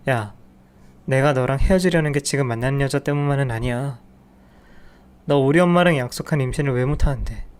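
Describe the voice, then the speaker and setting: A man's voice: mid-range voice, brisk, long pauses, clear, resonant tone, close to an everyday voice. A man voicing a cold, contemptuous husband who insults and dismisses his wife. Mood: scornful. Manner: scornful, dismissive.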